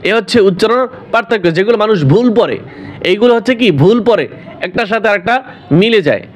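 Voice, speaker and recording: A man teaching Quran letter pronunciation, slowly drilling each letter sound one at a time. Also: high-pitched. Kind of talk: recited pronunciation lesson.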